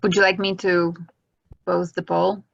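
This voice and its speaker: A woman moderates an online session with a gravelly, fry-tinged voice. The recording is dry and dull, with a lo-fi sound. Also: on the low side, flat delivery, unhurried, no room sound. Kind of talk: running an online poll.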